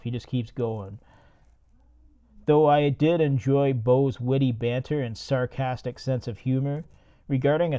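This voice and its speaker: A man's voice: medium pitch, dark tone. A man hosting a podcast, recapping and reacting to a movie in a laid-back, profane way. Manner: laid-back, profane, laughs at his own jokes. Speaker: podcast host.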